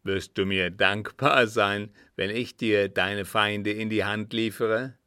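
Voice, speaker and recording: A man's voice: fairly low pitch, steady tone, takes it slowly, sharp tone, clear, resonant tone, no echo, studio quality. A man voicing a cunning disguised agent who feigns innocence with emphatic protests, in an audiobook reading. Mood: persuasive.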